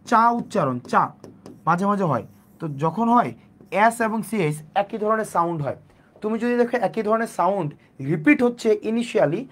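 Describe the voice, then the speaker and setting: An English teacher with a mid-range voice runs a live online class, repeating sounds again and again and posing questions only to answer them personally.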